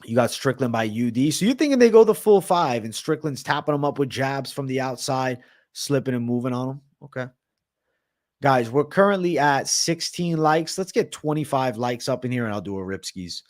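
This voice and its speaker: A man's voice: mid-range voice, animated, moderate pace, no echo, clean studio sound. A man hosting a casual livestream Q&A, reading viewer comments and talking bluntly with some swearing. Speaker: livestream host.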